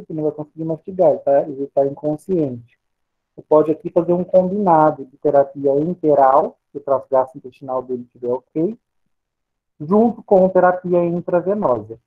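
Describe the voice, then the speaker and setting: A Brazilian Portuguese-accented man gives a recorded pharmacy lecture over slides. He asks questions and answers them himself in a fairly high voice. The sound is thin and tinny, as if through a phone line. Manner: explanatory, asks and answers his own questions.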